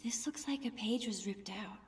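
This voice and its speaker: A curious young video game girl, acted by a woman, in whispered role-play. She speaks in an unvoiced whisper at a middling pitch. Faint outdoor ambience and birdsong sit behind her. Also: moderate pace, a little hiss or hum, lightly acted.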